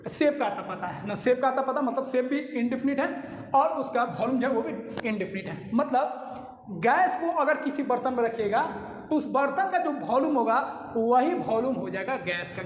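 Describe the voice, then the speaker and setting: A man teaching a recorded lecture, explaining patiently and often pausing to check that listeners follow. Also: extremely high pitch, slight background noise. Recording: echoey hall with long reverb.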